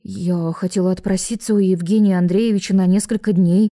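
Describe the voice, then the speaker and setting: A woman's voice: medium pitch, fairly even intonation, fairly quick, mellow, lightly acted. A woman voicing a flustered, kindly grandmother who talks in a fussy, apologetic way. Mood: earnest.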